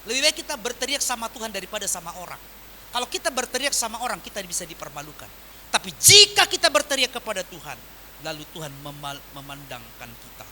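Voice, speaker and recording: Animated preaching man, bright voice. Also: high voice, quick pace, slight background noise. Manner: animated preaching with wide swings in volume. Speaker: pastor. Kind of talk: sermon.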